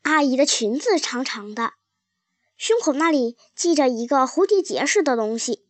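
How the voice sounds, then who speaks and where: A woman narrating a children's story in a calm, careful storybook reading. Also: sits high, moderate pace, no room sound.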